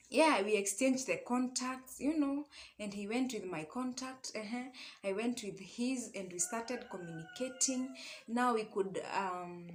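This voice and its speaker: Her voice runs on the high side as she casually recounts something that happened to her. A young woman with a Kenyan accent who works as an online storyteller and love coach, she mixes English and Swahili conversationally and often tosses in little tag questions.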